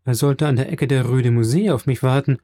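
A man's voice: medium pitch, fairly quick, no echo, lightly acted. A man voicing a joyful, breathless young daughter in a read-aloud novel. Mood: eager. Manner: breathless, excited cries.

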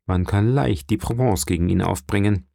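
A man's voice: on the low side, moderate pace, gravelly, dark tone, no echo, clean studio sound. A man voicing a deferential young official. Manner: formal, respectful.

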